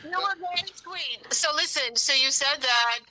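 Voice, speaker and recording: An older woman with a thick accent, speaking gently and warmly as a mother over the phone on speakerphone. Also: sits high, expressive, normal speed, crowd noise. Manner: gentle, affectionate, laughs easily. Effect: heard over a phone on speakerphone.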